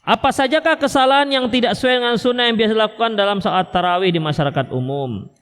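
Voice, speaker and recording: A man's voice: high voice, quick pace, smooth. A man from Medan, Indonesia, giving an Islamic study lecture, joking and acting out husband-and-wife exchanges. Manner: animated, joking, acts out husband-wife dialogues. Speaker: Islamic religious teacher. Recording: echoey hall reverb.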